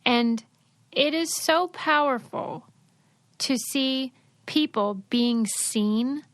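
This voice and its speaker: A young woman co-hosts a podcast, telling stories in a chatty, emphatic style during casual conversation that includes a read ad. Her voice is high and very slow, and the recording has no room sound.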